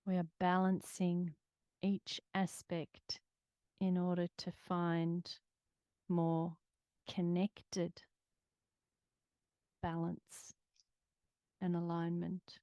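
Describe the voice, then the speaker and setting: Calm woman leading a grounding exercise, unhurried. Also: lowish voice, smooth, no echo, highs cut off. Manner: encouraging, gently instructing in short phrases. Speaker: movement workshop instructor. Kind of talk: calm guided grounding exercise, casual and conversational.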